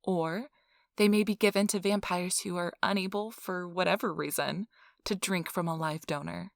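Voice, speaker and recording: A woman speaking in a lowish, gravelly voice at a steady tone and normal speed takes on the role of a donor recruiter in an ASMR role-play. She is cheerful, earnest, upbeat, and reassuring, with a polite customer-service style. The studio-quality recording has no echo.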